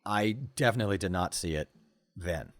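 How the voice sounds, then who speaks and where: A man's voice: sits low, a little fast, no echo. A man in his forties, a podcast guest, talking with enthusiasm and many stammering restarts in casual conversation.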